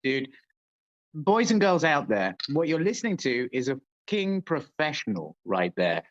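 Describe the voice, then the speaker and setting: A rowdy British man hosts a casual chat, joking crudely, his pitch swooping up and down. The sound is dull and lo-fi. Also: very animated, unhurried. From Britain. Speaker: show host.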